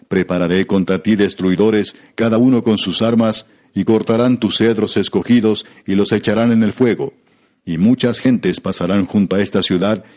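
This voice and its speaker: A man giving a measured, solemn scripted Bible reading, heard through a muffled radio broadcast. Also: on the low side, warm tone. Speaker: scripture reader.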